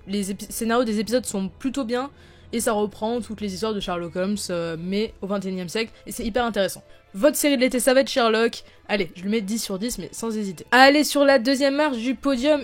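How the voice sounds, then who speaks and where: Excited woman ranking her favorite series. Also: a little high. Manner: enthusiastic and opinionated, with frequent restarts. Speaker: YouTuber. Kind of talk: casual video review.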